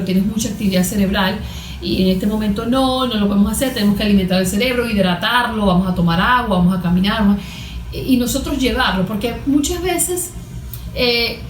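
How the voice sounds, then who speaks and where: A Venezuelan cognitive therapist, interviewed as a guest expert, speaks a little fast in a voice on the high side. She explains points conversationally and often voices short made-up examples, and the recording has an echoey, roomy quality.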